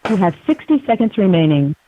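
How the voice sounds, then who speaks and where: Recorded prison phone system voice, flat, thin phone sound. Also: mid-range voice, fairly quick. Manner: flat, even, formal. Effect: on a prison phone line. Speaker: automated call announcement. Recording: tinny dry phone line.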